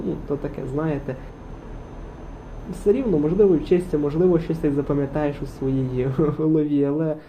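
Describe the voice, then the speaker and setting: A gaming channel host plays through a truck game, rambling in casual let's-play commentary packed with fillers. His voice is on the high side and mellow, with slight background noise.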